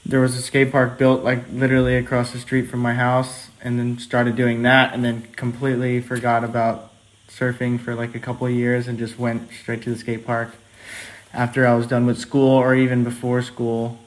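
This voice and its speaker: A man's voice: mid-range voice, completely flat delivery, normal speed. A young man from Hawaii in his twenties, chatting easily as a podcast guest with lots of fillers. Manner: easygoing, lots of "like" and "um". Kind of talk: casual chat.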